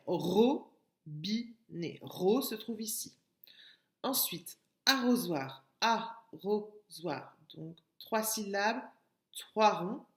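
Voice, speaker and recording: In a roomy-sounding recording, a woman of medium pitch teaches young children remotely with a French accent. Working as a kindergarten teacher, she patiently repeats words and divides them into syllables.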